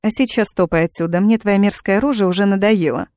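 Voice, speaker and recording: A woman's voice: medium pitch, brisk, darkish tone, dry recording, studio quality, lightly acted. A woman voicing a defiant young witch in chains, speaking with cool, mocking sarcasm. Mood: sarcastic.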